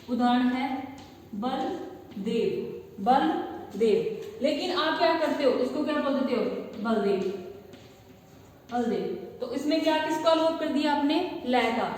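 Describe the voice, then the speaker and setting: A woman teaching a classroom lecture, asking and answering her own questions and repeating terms slowly as she writes on the board. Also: high-pitched, slight background noise. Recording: echoey classroom from far off, faint ambience.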